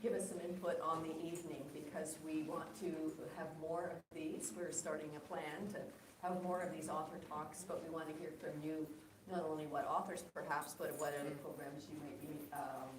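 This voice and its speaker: A woman hosting a library author event, giving friendly, halting closing announcements. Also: low voice, level tone, crowd noise. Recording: echoey room, distant mic, noisy.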